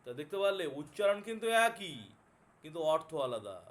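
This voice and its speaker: A man with a Bengali accent teaching a lesson as a tutor, explaining slowly, repeating each word and checking with his students. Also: on the high side, big pitch swings. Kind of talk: classroom lesson.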